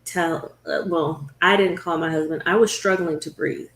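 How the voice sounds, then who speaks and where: A woman's voice: fairly low pitch, fairly even intonation, fairly bright tone, echoey room, slight background noise. A woman talk show host telling the story of her own illness in an earnest, conversational way. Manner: earnest, storytelling, slows down at hard moments.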